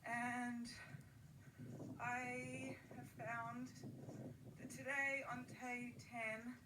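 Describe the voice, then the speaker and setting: A woman giving a slow, measured daily broadcast about her exhausting project, sounding worn out and sore, played back through a laptop speaker. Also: on the high side, flat delivery, far from the mic. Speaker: artist in residence. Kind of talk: daily live broadcast address. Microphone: microphone held up to a computer speaker. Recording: laptop playback caught by a held mic, roomy and noisy.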